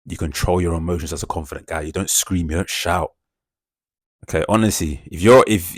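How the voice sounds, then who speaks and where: Man, very low voice, dry close sound, motivational talk, emphatic, repetitive. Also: no room sound. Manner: emphatic, repetitive, peppered with "yeah" and "bro". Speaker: self-improvement speaker.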